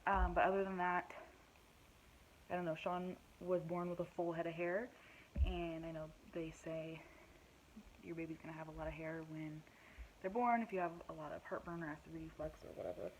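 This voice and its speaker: A woman's voice: fairly low pitch, fairly even intonation, normal speed, slight background noise, rough recording. A young woman giving a casual pregnancy update vlog, out of breath, rambling with lots of fillers and self-deprecating asides. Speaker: vlogger.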